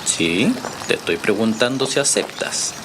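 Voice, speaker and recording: Low-ish and expressive, the man's voice moves a little slowly, with some background noise. It's an actor with a Chilean accent in a naturalistic audio drama, portraying an easygoing journalist who explains his research earnestly, hesitant in manner but convinced.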